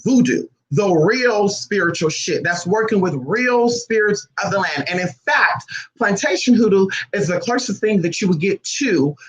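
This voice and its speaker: A man's voice: sits high, lively intonation, moderate pace, a bit bright, low-quality recording. A man vlogging a blunt, profane rant as a spiritual practitioner, firing off rhetorical questions. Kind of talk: unscripted ranting monologue.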